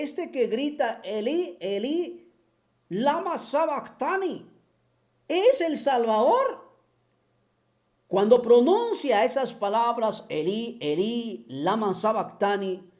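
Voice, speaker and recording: A mocking monologue from a speaker, slow and drawn out, the pitch swinging widely. The tone is dark and mellow, taunting the listener with repeated rhetorical questions and a scornful chuckle. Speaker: online religion critic.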